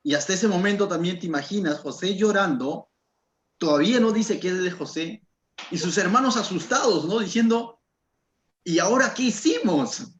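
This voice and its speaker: A man from Peru preaches verse by verse in a somewhat high voice. He talks conversationally and acts out the people he quotes. The sound is echoey and dull, like a church recording. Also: moderate pace, slight background noise. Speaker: pastor. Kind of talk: verse-by-verse Bible teaching.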